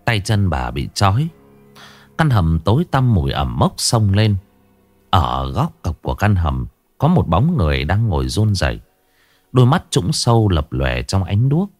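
A man's voice: low-pitched, wildly swooping pitch, a little slow, darkish tone, no echo, soft background music. A man narrating a horror story in a dramatic, ominous way.

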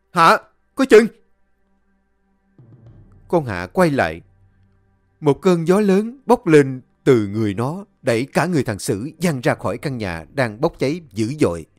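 A man's voice: a little mellow, no echo, studio quality. A man narrating a dramatic horror story and voicing its characters himself. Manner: voices each character with high pleading tones.

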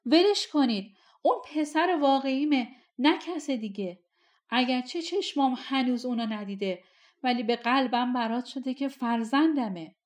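A woman's voice: fairly high pitch, voice pushed up, lightly acted. A woman voicing an anguished queen who insists the young man is her real son, crying out in a pleading voice.

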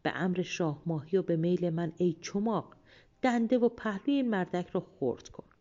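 A woman's voice: lowish voice, dark tone, lo-fi sound, natural voice. A woman voicing a lazy, cheeky young peasant man, blunt and sluggish, for a storybook. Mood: muttering orders.

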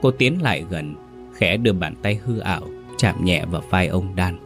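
A man with a very low voice narrates a scripted ghost story in a dramatic, measured way. Faint music plays behind his narration. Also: lively intonation.

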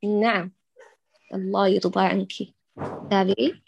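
A woman's voice: medium pitch, little pitch movement, a little slow, gravelly, darkish tone, dull audio, slight background noise. Patient woman teaching Quran recitation. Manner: patient, correcting and modelling sounds, many blessings. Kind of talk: online recitation correction lesson.

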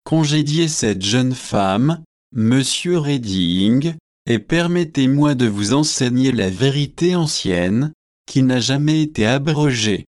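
A man's voice: mid-range voice, expressive, slow. A man reading as a coarse, pushy intruder. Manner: insistent, indignant.

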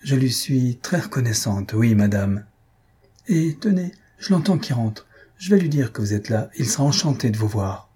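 A husky-voiced man reading aloud, voicing a polite, grateful young woman in a storybook. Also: mid-range voice, lively intonation, moderate pace, mellow.

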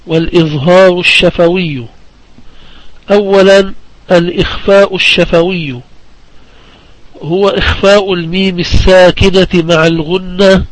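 A man from Palestine gives a religious lesson on recitation rules with a fairly high voice that stays level. He talks slowly and deliberately, repeating key phrases so students can follow. The sound is dry and close. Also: no room sound, poor audio. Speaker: Quran recitation teacher.

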